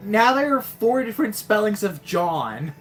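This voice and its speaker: A man's voice: high-pitched, sing-song, normal speed, a bit bright, faint music behind. A man commentating his own gameplay on a live stream, joking and talking directly to his chat. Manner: chatty, joking, talks to chat. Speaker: game streamer.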